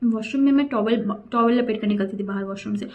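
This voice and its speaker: A woman's voice: mid-range voice, fast, muffled recording. A young woman telling a personal story in a chatty, indignant way, dropping English phrases into her talk. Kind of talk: casual storytime vlog.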